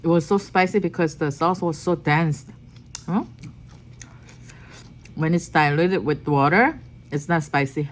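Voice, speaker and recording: Casting: woman mukbang host, lower-pitched voice, brief casual remarks between noisy mouthfuls, background noise. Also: a little slow, long pauses. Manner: speaks in short, fragmentary remarks. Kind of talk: mukbang, casual chat while eating.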